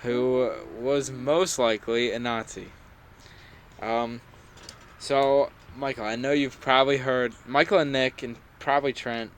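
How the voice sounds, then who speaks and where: A man's voice: mid-range voice, slight background noise. A young man co-hosting a casual podcast, rambling through a hiking story and acting out quoted voices. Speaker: podcast co-host. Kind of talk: casual chat.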